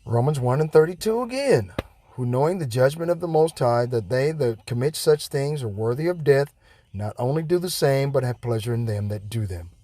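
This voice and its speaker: A man's voice: mid-range voice, animated, moderate pace, warm tone. A man preaching from scripture in a home video, rambling with profane asides. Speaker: self-styled preacher. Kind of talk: home video Bible teaching.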